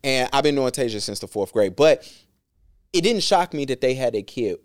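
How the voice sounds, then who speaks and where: Casting: easygoing male podcast co-host, smooth resonant tone, close dry mic. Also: mid-range voice, expressive, a little fast, dry recording. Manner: laid-back slang, frequent "um" and shout-outs. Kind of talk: casual podcast chat.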